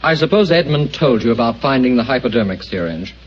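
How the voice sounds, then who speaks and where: An actor playing a worried young gentleman who speaks sincerely and a little hesitantly, on an old radio recording. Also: medium pitch, expressive, brisk, faint music behind, close to an everyday voice. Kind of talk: vintage radio acting. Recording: dull old radio recording, faint hiss.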